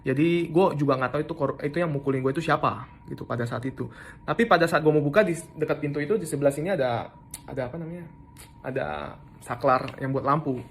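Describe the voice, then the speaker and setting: A man's voice: on the high side, quick pace, slight background noise. A young man casually recounting something that happened to him, in slangy speech with frequent restarts and English words mixed in. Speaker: storyteller recounting an assault. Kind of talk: casual first-person storytelling.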